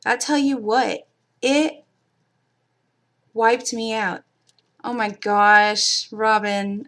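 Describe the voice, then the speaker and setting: Her voice is a little high, creaky, and a bit bright: a middle-aged Kentucky woman with a mild accent, chatting casually with viewers during her live craft stream. She's chatty and speaks to people in the chat.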